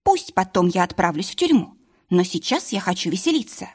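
A woman's voice: lowish voice, sing-song, brisk, slightly rough. A woman reading an audiobook voices a stubborn, tipsy young wife with a pouty, defiant manner.

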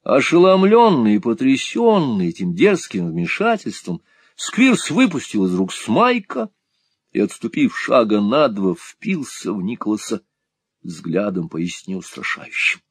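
Man, low husky narrator, very lively pitch, dry studio sound. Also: unhurried, no echo. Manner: expressive, theatrical delivery. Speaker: audiobook reader. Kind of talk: dramatic audiobook narration.

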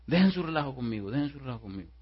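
A pastor voicing an annoyed dormitory monitor who answers brusquely and dismissively. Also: male voice, mid-range voice, expressive, rapid-fire, slightly rough. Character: grumpy dormitory monitor, fed up. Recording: muffled lo-fi recording.

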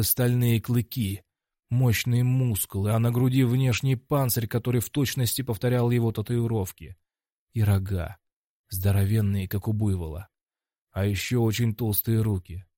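Мужчина читает аудиокнигу от первого лица. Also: male voice, fairly low pitch, warm tone, no room sound, studio quality. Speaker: audiobook narrator. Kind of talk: first-person scripted narration.

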